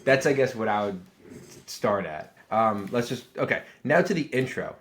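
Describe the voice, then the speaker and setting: A man with a fairly low voice talks through a video critique in a loose, off-the-cuff way. He leans on filler words and restarts his sentences often. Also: lively intonation, moderate pace, slight background noise. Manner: rambling, heavy on filler "like" and restarts. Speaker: YouTube strategy reviewer. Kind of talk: casual video critique commentary.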